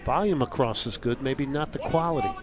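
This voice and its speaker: A man's voice: mid-range voice, animated, fairly quick, a crowd in the background. A man doing live play-by-play commentary of a soccer match. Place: outdoor college soccer stadium broadcast. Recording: clear outdoor stadium ambience noise.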